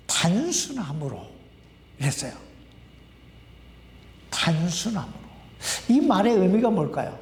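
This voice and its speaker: Animated pastor preaching in an echoey church. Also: male voice, sits high. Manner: conversational preaching, asks the congregation questions. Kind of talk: sermon. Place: church sanctuary. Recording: echoey hall, voice from a distance.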